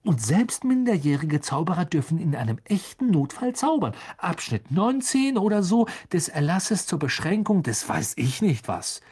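Brief: eager young boy wizard, read by a man, lively and a touch husky. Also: high-pitched, moderate pace, hardly any pauses, voice pushed up, heavily acted. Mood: excited.

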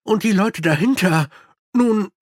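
A man's voice: sits high, measured pace, no room sound, studio quality, pitched above the performer's own voice. A man doing a drily ironic army captain. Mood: dry. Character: dry, deadpan male army captain.

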